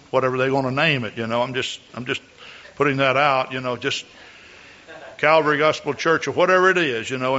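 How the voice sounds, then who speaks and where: A man's voice: medium pitch, sharp tone. A man speaking as a pastor, addressing and exhorting his Pentecostal congregation. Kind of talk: Pentecostal church sermon and exhortation. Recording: dull, lo-fi church recording.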